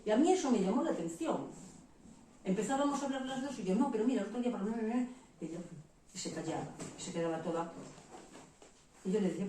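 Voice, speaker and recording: A Spanish-woman preacher gives a frank, animated testimony and slips into the voices of the people she quotes. Her voice echoes heavily through a church hall and sounds distant from the mic. A faint hum of the room sits underneath. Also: fairly low pitch. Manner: candid and animated, quoting herself and others. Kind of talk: testimony sermon.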